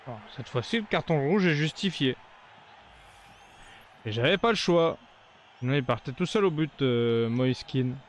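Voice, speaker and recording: A man's voice: fairly high pitch, expressive, unhurried, pauses often, slight background noise. A man giving casual running commentary on his video game, given to sarcastic, grumbling asides. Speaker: gaming video creator.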